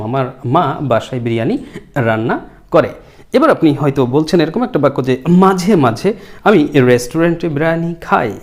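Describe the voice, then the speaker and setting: A male English teacher giving an online lesson, addressing the viewers directly and stretching out the model sentences slowly. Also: mid-range voice. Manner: slow, drawn-out model sentences.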